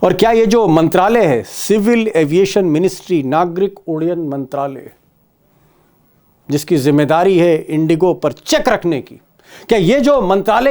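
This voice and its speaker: Male political commentator, fairly high voice, emphatic, rhetorical, repeats his points for stress. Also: darkish tone. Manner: emphatic, rhetorical questions, repeats key phrases.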